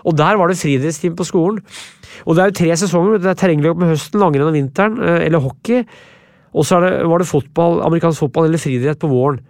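A man from tells stories at a podcast, rambling and blunt and often repeating himself. His voice sits a little high for a man. The sound is close and dry. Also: darkish tone, no echo. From Brumunddal, Norway. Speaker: podcast guest, author. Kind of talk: casual storytelling in interview.

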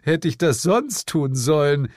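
A man's voice: on the high side, very animated, a little slow, darkish tone, no echo, studio quality, voice pushed up. A man voicing a blustering male devil who stammers when flustered, in an audiobook.

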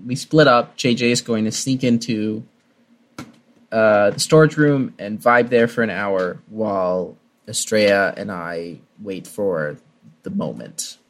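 A man's voice: lowish voice, a little slow. A man playing a tabletop game, speaking dryly and matter-of-factly. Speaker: player.

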